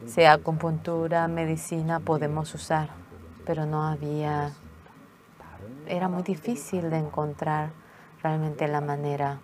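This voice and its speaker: Slow, low-voiced woman giving testimony. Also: level tone, a little mellow. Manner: earnest, halting storytelling with restarts. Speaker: testimony speaker. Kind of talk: personal testimony narration.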